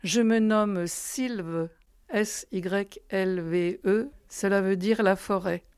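An older woman recounting memories slowly and gently, pausing with small fillers. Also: medium pitch, smooth, faint music behind. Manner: gentle, unhurried, with pauses and fillers. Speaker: interviewee. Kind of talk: storytelling reminiscence.

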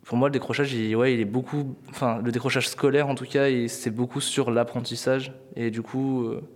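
A man's voice: mid-range voice, little pitch movement, a little fast. Man, student, hesitant interview answer, long reverb. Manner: hesitant, searching for words.

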